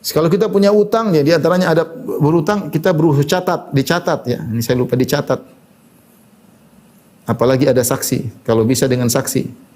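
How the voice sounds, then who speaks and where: Here an Islamic preacher gives a religious talk that feels like conversation, his voice a little high with a darkish tone and a fairly quick pace. He keeps saying "ya" and cites hadith in Arabic.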